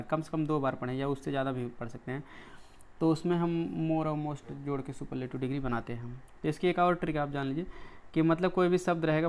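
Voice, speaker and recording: An Indian man teaching an English grammar lesson, walking through each rule and its examples. His voice is smooth and clear and sits a little higher than most men's. He keeps pausing to check that his students are following. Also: darkish tone. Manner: explains step by step, often checking in with "ठीक है".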